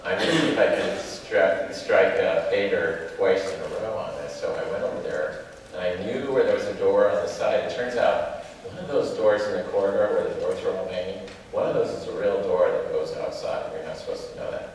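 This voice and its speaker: Man, deep voice, anecdotal panel speaker; distant hall recording with long reverb. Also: brisk, slight background noise. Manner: rambling anecdotal delivery. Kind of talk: storytelling to a live audience. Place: large indoor event hall. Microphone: far camera. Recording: echoey hall from far off.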